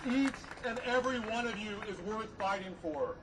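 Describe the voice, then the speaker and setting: A middle-aged man giving a podium speech as a professor at a rally, earnest, measured and emphatic. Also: high-pitched, lively intonation, a loud crowd. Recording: distant mic, noisy outdoor rally.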